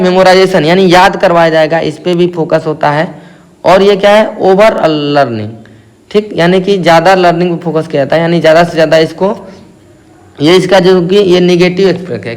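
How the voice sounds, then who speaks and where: Male north Indian tutor, high-pitched voice, drilling students by answering his own questions. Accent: Hindi-speaking north Indian. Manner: asks questions and answers them himself, repeats key terms slowly. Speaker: teacher. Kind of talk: exam-prep lecture.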